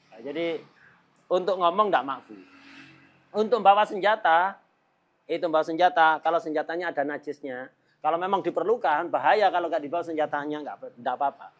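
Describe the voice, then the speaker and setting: Male religious teacher, middle-aged, slightly high voice, playful and laughing between points. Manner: jokey, laughs often, mimics chatter. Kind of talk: Islamic law lesson.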